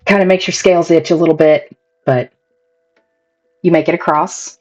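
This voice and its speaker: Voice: medium pitch, steady tone, moderate pace, darkish tone. A game master casually and hesitantly narrating a tabletop role-playing game. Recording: dull lo-fi audio, faint music behind.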